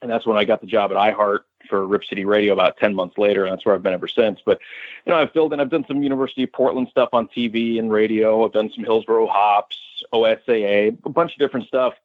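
This lowish-voiced man talks fast: he's a sports radio announcer in his thirties from Westchester County, New York, appearing as an interview guest and chatting at length. The audio is narrow and tinny, with no room sound.

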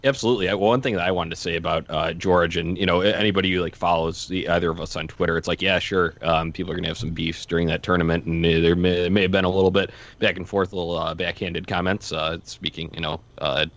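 A man co-hosting a podcast, chatting casually in a halting, rambling way. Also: sits low, fairly even intonation, fairly bright tone. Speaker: podcast co-host. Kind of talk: casual chat. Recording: slightly dull lo-fi audio.

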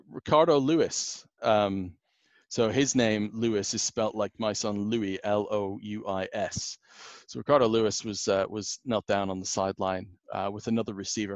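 A man's voice: on the low side, dry recording. A man, rambling through a casual podcast anecdote with many fillers. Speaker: podcast guest.

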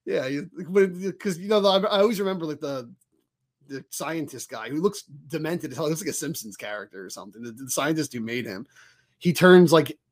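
A man co-hosts a casual fan podcast in a slightly higher voice. He talks in an animated, rambling way and drops the odd swear word. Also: fairly quick. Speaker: podcast co-host. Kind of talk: casual chat.

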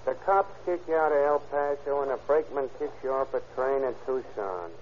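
An old muffled radio recording, a little noisy. A man plays a shabby drifter in a 1930s drama, a grumbling small-time crook with slangy talk and a mid-pitched voice. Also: fairly quick, a little mellow, close to an everyday voice. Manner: slangy, plain-spoken grumbling.

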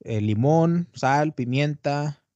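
Slangy northern Mexican man, mellow voice. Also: on the high side, slow, dry recording, muffled recording. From Tamaulipas, northern Mexico. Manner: rambling and animated, slangy, peppers lines with "güey". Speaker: podcast host. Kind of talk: casual chat.

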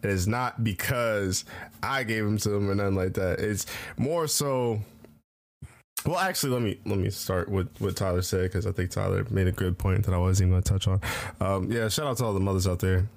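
A man's voice: lowish voice, a little fast, creaky. A man co-hosting a podcast in casual chat, rambling along with slang and swearing. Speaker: podcast co-host.

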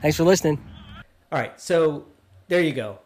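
A middle-aged man co-hosting a podcast in casual chat, easygoing and quick to laugh. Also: on the high side. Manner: easygoing, laughs often, reads aloud flatly. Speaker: podcast co-host.

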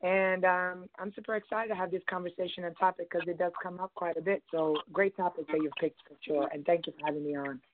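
Flat-voiced woman from Sweden on a phone line. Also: lowish voice, fast, hardly any pauses, noisy background. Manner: upbeat, hesitant fillers. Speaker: guest, realtor. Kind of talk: call-in talk show guest. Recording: dry tinny phone line.

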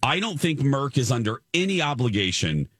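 A man co-hosting a radio call-in show, giving firm opinions in a casual, animated way. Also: mid-range voice, moderate pace, husky, no echo, studio quality. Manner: animated, opinionated, many restarts. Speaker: radio co-host.

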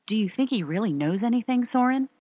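A woman's voice: fairly high pitch, lively intonation, fast talker, darkish tone, no room sound. A woman playing an earnest, questioning rookie time-travel agent in an audio drama.

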